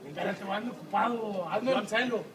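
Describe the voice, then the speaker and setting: A man's voice: sits high, fairly quick, far from the mic. A young man joking and egging on his friends in a motel parking lot at night, recorded on a phone. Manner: laughing, calling friends over. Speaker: friend among a band group. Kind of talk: rowdy teasing banter. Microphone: phone camera nearby. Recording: phone video with loud crowd and noise.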